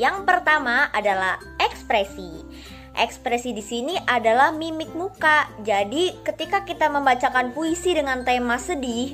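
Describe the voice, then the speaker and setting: A woman's voice: high-pitched, a bit bright. A woman presenting a recorded lesson as a student teacher, explaining step by step and putting questions to the class.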